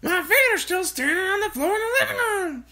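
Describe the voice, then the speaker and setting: A reader voicing a boastful, cackling old grandmother who shrieks her lines in a very high, distant-sounding voice. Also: big pitch swings, brisk, exaggerated voice. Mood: shrill triumphant. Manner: shrieking, shouting from far off.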